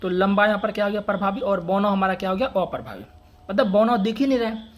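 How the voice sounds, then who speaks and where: A man's voice: high voice, lively intonation, quick pace. A man teaching an exam-prep science lesson, who keeps asking questions and answering them himself and repeats key terms, with dialect words in his Hindi. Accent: Hindi dialect words (बड़का, छोटका).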